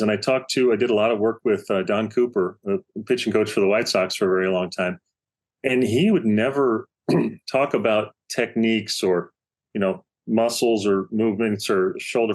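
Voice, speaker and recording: A man's voice: lowish voice, moderate pace. A middle-aged man, a baseball coach, telling a story as a podcast guest, acting out the quotes as he goes. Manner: animated storyteller, acts out quotes. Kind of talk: storytelling in casual interview.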